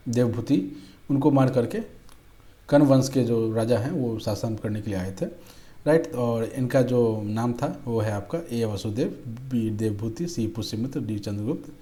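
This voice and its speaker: Mellow-voiced male exam tutor. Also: mid-range voice, measured pace. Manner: patient, repeats "ठीक है", reads options aloud. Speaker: exam-prep teacher. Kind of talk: explaining quiz questions.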